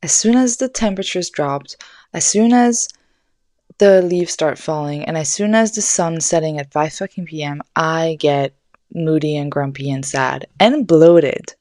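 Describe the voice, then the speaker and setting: A young woman host spins a loose, animated story, full of swears and "like". Her voice sits low for a woman. The sound is dry, with no room around it. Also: measured pace, no room sound. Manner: rambling, animated, swears often, fillers like "like". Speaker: podcast host. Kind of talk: casual storytelling monologue.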